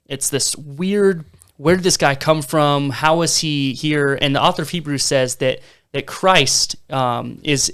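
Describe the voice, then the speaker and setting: A man's voice: mid-range voice, a bit bright, clean tone. A young man in his twenties co-hosting a casual Bible discussion podcast, telling the story eagerly with some fillers. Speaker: podcast co-host.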